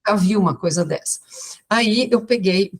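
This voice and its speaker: Uma fonoaudióloga brasileira de uns setenta anos, contando casos numa entrevista de forma animada e encenando as falas dos outros. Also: female voice, mid-range voice, normal speed. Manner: lively storyteller, acts out quoted voices. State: tired from talking all day. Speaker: guest speech therapist. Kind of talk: storytelling in a podcast interview.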